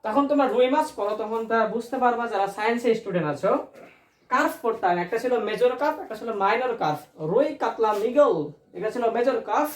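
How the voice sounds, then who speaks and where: A woman's voice: fairly high pitch, lively intonation, brisk, roomy sound. Bangladeshi woman tutor drilling terms. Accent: Bangladeshi Bengali. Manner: drills terms by repetition, checks understanding often. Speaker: admission test tutor. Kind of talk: classroom-style lecture.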